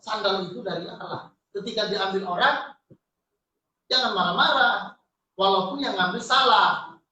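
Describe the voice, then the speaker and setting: A man preaching a lively, joking sermon to his congregation, calling out to them. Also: sits high, moderate pace, lo-fi sound, a little hiss or hum. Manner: lively, jokey preaching with congregation call-outs. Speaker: pastor. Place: church hall. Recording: echoey church hall from far off.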